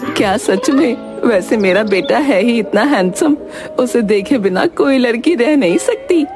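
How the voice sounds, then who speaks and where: A woman voicing a sharp-tongued, proud mother-in-law who taunts and mocks. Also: a little high, lively intonation, unhurried, over music. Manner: taunting, sarcastic.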